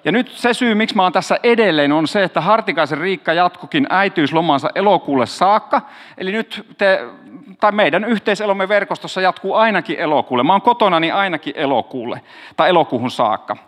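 A man's voice: sits high, lively intonation, fairly bright tone, long reverb tail. A man preaching in a casual, joking way, talking straight to his congregation as their pastor. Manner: joking, chatty, talks to the audience directly.

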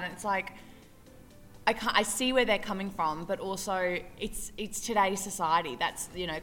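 A young woman co-hosts a podcast in easy, wandering chat and laughs often. Her voice sits a little low but rings bright and forward. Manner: chatty, laughs often, rambling. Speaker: podcast co-host. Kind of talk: casual chat.

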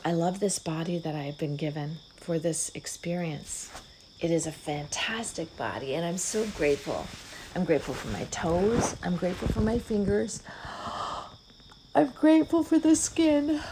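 A middle-aged woman hosting a spiritual podcast, speaking slow, soft gratitude affirmations with hums and sighs. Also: fairly low pitch, animated, background noise. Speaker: podcast host.

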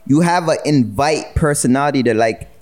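A man's voice: mid-range voice, fairly quick, a little mellow. A man co-hosting a podcast in casual street slang, often adding conversational tag questions. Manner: repeats tags like "you know what I mean". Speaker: podcast co-host.

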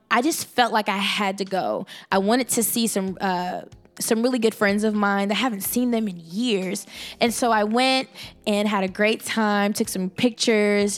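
A young adult woman hosting a podcast, telling stories in an animated, excitable casual chat. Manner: animated, excitable storytelling with big pitch jumps. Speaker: podcast host.

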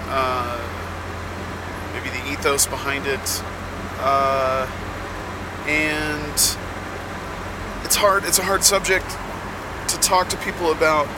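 A man hosting a podcast as a casual, rambling, halting monologue from inside the cab of a truck. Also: on the high side, level tone. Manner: slow, halting delivery with many pauses. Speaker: podcast host; touring musician. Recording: loud vehicle noise in truck cab. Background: loud vehicle and air noise.

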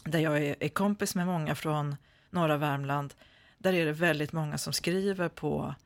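This man from Sweden, using standard Swedish, responds to an interviewer as an author, stumbling through fillers and false starts. His slightly high voice carries vocal fry and fairly level intonation, recorded with no room sound in a conversational interview.

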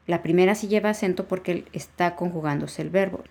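A woman hosts a casual grammar podcast. Her voice sits slightly low, and she explains patiently, going over the same example more than once so it sinks in. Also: a little fast, a little mellow, slightly rough. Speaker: Spanish grammar teacher, podcast host.

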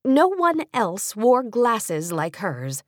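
An American woman narrates a nonfiction audiobook for young readers in a slightly high voice. She speaks in a measured, carefully articulated way with expressive storytelling, recorded close on a studio mic with no room sound.

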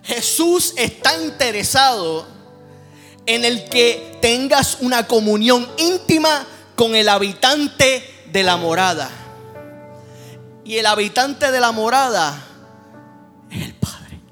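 High, bright-voiced impassioned male preacher. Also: expressive, slow pace, faint music behind. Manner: impassioned, rhythmic repetition, swelling into near-singing. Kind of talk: sermon.

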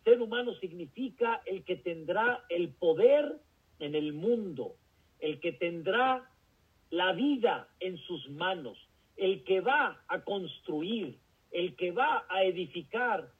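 A man's voice: high voice, expressive, takes it slowly, slightly rough. A man with a Mexican accent, a rabbi preaching a sermon with rhetorical questions and folksy stories. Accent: Mexican Spanish. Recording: tinny phone-like recording.

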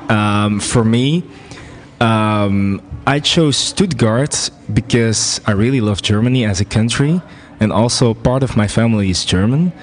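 Hesitant young man, lowish voice. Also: measured pace. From Belgium. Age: 20s. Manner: hesitant, many fillers. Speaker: student guest. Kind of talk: casual radio chat. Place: student radio studio.

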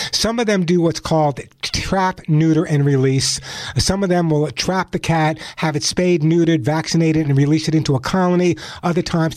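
A man's voice: a little high, a little mellow, no room sound. A man hosting a live radio call-in show, talking chattily and directly to listeners on a close microphone. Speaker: radio pet advice show host. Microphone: close studio microphone.

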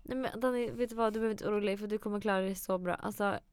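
Giggly, lively young woman podcaster. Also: medium pitch, clear, resonant tone, no echo. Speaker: podcast co-host. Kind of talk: casual chat.

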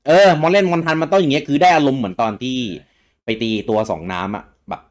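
A young man co-hosting a casual gaming news talk show, getting animated and loud when excited. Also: on the high side, quick pace. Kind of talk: casual chat.

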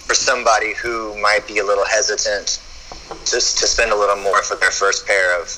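Male chiropractor guest, low and very bright voice, casual and halting. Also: little pitch movement, a little hiss or hum, low-quality recording. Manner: halting, repeats words when starting a thought. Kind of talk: casual podcast chat.

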